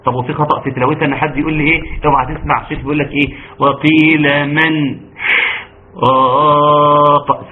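A fast-talking Egyptian man with a fairly high voice teaches Quran recitation in an online class. He breaks into chanted examples between quick explanations. The sound is thin and phone-like, with a faint hiss behind it. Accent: Egyptian Arabic. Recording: tinny phone-like online audio.

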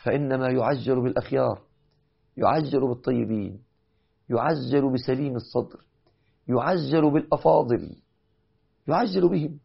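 A man's voice: mid-range voice, moderate pace, gravelly, long pauses, husky. A man with an Egyptian Arabic accent preaching an impassioned sermon, building to emphatic peaks. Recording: dull lo-fi recording.

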